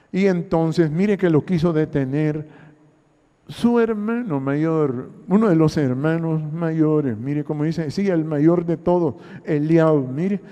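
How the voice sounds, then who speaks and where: A man's voice: fairly high pitch, dark tone, long reverb tail. A man from Honduras with a Honduran accent, a pastor preaching a sermon, constantly saying "mire" and acting out Bible dialogue. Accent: Honduran Spanish.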